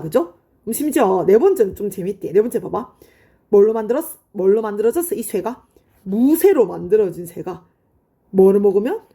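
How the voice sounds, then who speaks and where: A woman teaching high school literature in an online lecture, explaining in a friendly, chatty way and answering her own questions. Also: warm tone, husky. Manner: asks students questions and answers them herself.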